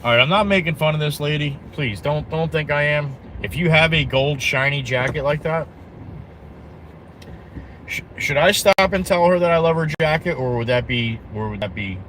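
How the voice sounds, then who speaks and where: A man's voice: on the high side, normal speed, poor audio. Rambling New man chatting from his car. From New Jersey. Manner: rambling, self-interrupting, blunt, answers chat viewers. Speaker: live streamer. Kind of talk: casual live-stream chat while driving. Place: inside a car on the road. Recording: steady car road noise. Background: car engine and road noise.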